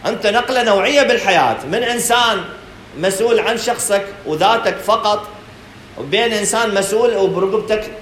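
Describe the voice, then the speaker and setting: A man's voice: sits high, brisk, fairly bright tone, a little hiss or hum. A man with an Iraqi Arabic accent, director of a counselling centre, giving a religious talk to an audience, asking rhetorical questions and addressing listeners directly. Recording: echoey room recording.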